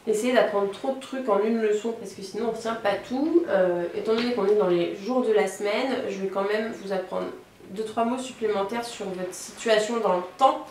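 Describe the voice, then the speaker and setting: A woman teaching a beginner Italian lesson, patiently repeating each word slowly. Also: medium pitch, darkish tone, slight background noise. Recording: roomy echo, voice a bit off-mic, faint ambience.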